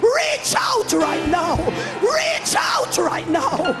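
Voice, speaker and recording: A man preaches and prays in a fervent, declamatory charismatic style, repeating phrases for emphasis in his sermon. His voice is very high-pitched, very animated and raised, with drawn-out words. It's a live worship service recording, with music and the congregation audible behind him.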